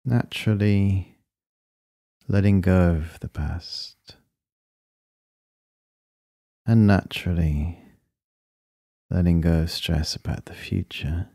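A man guides a breathing meditation in a low, mellow voice. He speaks slowly and soothingly, leaving long pauses between short, calm phrases. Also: creaky, no echo, clean studio sound.

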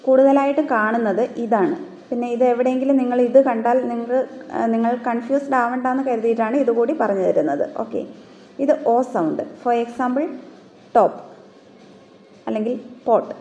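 A woman teaching phonetics, sounding out words one sound at a time and dictating definitions slowly. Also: a little high, mellow, echoey room, low-quality recording. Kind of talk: classroom explanation of phonetics.

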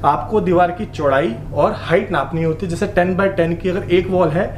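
A man's voice: high voice, normal speed. A man in his thirties running a shop, explaining products and prices eagerly in a sales walkthrough. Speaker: shop owner showing products. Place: indoor wallpaper shop. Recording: echoey shop with noise.

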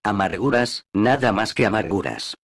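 A man's voice: on the low side, lively intonation, moderate pace, no echo, studio quality. A man voicing a wounded, bitter naval captain in an audiobook, with a gloomy, brooding delivery.

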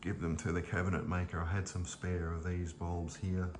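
Very low-voiced man rambling through a kitchen tour. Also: little pitch movement, normal speed, a little hiss or hum. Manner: rambling, loose, many restarts and fillers. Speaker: vlogger showing his kitchen. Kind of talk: casual home tour, filmed on phone. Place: home kitchen and pantry, indoors. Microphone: handheld phone camera.

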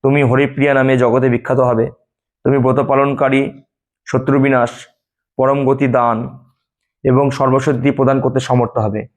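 A man voicing the god Vishnu, a majestic male deity granting boons, in a solemn, measured storytelling read. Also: mid-range voice, level tone, lightly acted.

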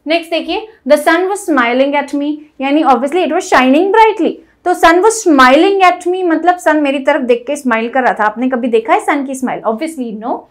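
Woman, high-pitched, grammar teacher, slow deliberate reading of examples. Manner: reads English examples slowly and deliberately, mixing Hindi and English. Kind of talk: classroom-style lesson explaining to viewers.

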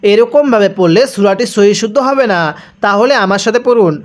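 A Quran recitation teacher spelling out letters and vowel marks one by one, then drilling each word slowly for listeners to repeat. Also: mid-range voice. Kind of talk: step-by-step recitation lesson.

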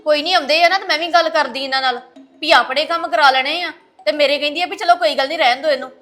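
A woman playing a fast, defiant daughter-in-law. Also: high voice, fairly bright tone. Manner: rapid, argumentative. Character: defiant young daughter-in-law, outspoken and combative. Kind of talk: web series family drama.

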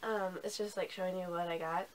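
A woman who is sick and hoarse, chatting casually about beauty products with lots of ums and restarts. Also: lowish voice, fairly even intonation, brisk, slight background noise. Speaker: beauty vlogger. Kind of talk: casual haul review.

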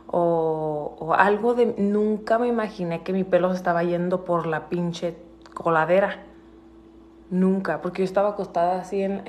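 A woman's voice: fairly low pitch, a little mellow, slight background noise. A woman, chatting casually on a livestream. She mixes with English, swears freely and sounds indignant. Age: adult with a school-age daughter. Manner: switches between Spanish and English, swears, indignant.

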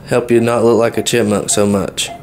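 A man's voice: on the low side, little pitch movement, moderate pace, a crowd in the background. A man chatting casually and teasingly from behind a camera. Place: small clinic treatment room. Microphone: holding the camera. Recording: noisy clinic room camera audio.

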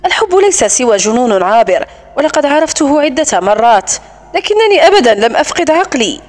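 A woman's voice: sits high, sing-song, brisk. A woman voicing a proud widowed nobleman near forty, talking in a cool, condescending, lecturing way in a storybook reading.

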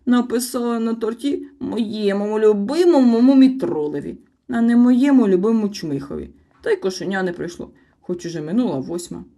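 A woman voicing a small, touchy young male creature who whines and sulks in a shrill voice. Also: moderate pace, mellow, close to an everyday voice. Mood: sulky. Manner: shrill, sulky and complaining.

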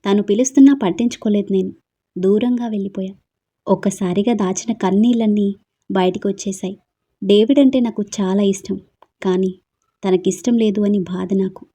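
A woman narrating a first-person romantic story in a soft, subdued way. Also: mid-range voice, fairly even intonation, normal speed, breathy edge.

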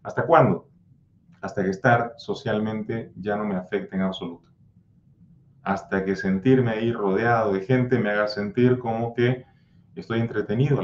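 A man's voice: on the low side, a little hiss or hum. A man hosting a livestream about anxiety, answering viewer comments in a blunt, scolding, insistent way and drilling repeated mantras. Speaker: anxiety coach and channel host. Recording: roomy, slightly dull sound.

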